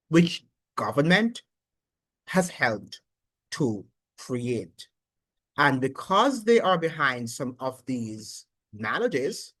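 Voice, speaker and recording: A man giving opinionated political commentary in an animated, preachy way, with halting restarts. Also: medium pitch, breathy edge, dry recording.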